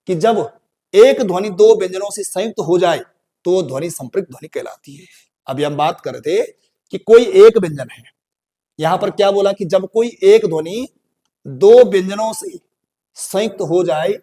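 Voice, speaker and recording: A man's voice: sits high, normal speed, warm tone. A male teacher with an Uttarakhand Hindi accent giving a grammar lesson, repeating key phrases and asking and answering his own questions. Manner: addresses learners as "bhai" and "ji".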